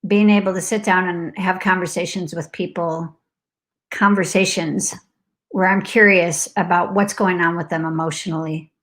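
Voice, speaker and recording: A middle-aged woman telling a personal story in a casual way, animated and full of likes, acting out alarms and laughing often. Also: on the low side, normal speed. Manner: talks in loose fragments with many likes. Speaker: host.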